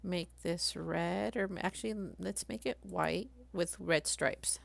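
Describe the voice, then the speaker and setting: A woman live-streaming a craft software tutorial, chatty and thinking aloud as she works. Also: fairly low pitch, unhurried, creaky, no echo.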